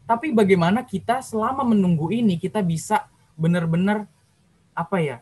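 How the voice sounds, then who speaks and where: A young man tells his own story in a casual, lively and emotional way. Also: sits high, moderate pace, a little hiss or hum, rough recording. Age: young adult. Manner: lively, slangy, emotional retelling. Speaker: youth sharing a testimony.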